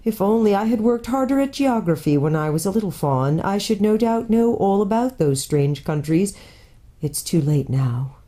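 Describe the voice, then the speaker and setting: A woman's voice: medium pitch, very animated, moderate pace, dark tone, voice pushed up. A woman reading aloud, voicing a shy, fussy little male faun who talks in a flustered, eager and polite way.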